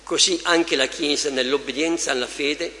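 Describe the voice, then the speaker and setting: A man leading adoration as a priest, reading scripture and meditations slowly and with measured care in a large church. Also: a little high, bright, forceful tone. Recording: echoey church with long reverb, faint ambience.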